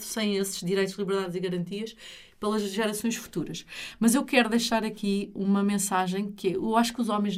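A middle-aged woman with a European Portuguese accent, speaking as an interview guest in an earnest, emphatic, explanatory way. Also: medium pitch. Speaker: interview guest, retreat leader.

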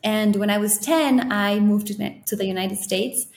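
A young woman from Ecuador, a podcast guest, telling her story in a warm, reflective, often laughing way. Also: mid-range voice, measured pace, vocal fry, slight background noise. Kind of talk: casual interview chat. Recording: roomy echo.

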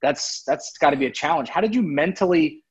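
A man's voice: fairly high pitch, expressive, brisk, husky, rough recording. A man hosting a podcast, asking questions in a casual, easygoing way with lots of fillers. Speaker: podcast host. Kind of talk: casual interview.

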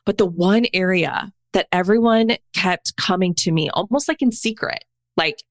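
In a dry recording, a thirty-something woman speaks at a normal speed in a fairly low voice. She's a podcast guest telling casual stories with chatty candor, her sentences full of "like" and "right?".

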